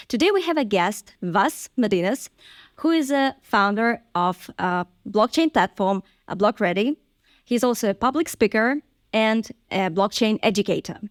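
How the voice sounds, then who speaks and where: A woman hosts an interview and reads a prepared introduction before asking brief questions. Her voice has an ordinary middle pitch and sounds dry and close, with no room echo. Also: lively intonation, normal speed. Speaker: host. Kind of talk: interview host.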